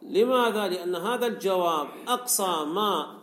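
A man's voice: high voice, normal speed, a bit bright. A man teaching a lecture class on rhetoric. He asks questions and answers them himself, and reads out a commentary and explains it. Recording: echoey room.

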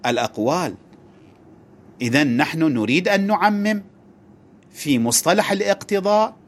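A man teaching a lesson. He explains in a methodical way and restates each point to make it clear. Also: on the high side. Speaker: religious studies teacher. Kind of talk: lecture.

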